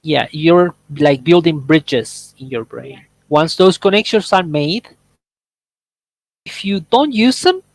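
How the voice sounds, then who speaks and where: A young man whose first language is Spanish leads a casual English conversation workshop, eagerly explaining his points with everyday examples. His voice sits on the high side and is animated, slow and creaky, in a dry recording.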